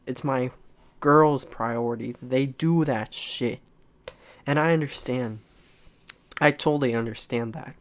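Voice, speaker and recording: Blunt nineteen-year-old guy, smooth voice. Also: medium pitch. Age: young adult. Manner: blunt, rambling, frank. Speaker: content creator. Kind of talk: unscripted personal vlog talk.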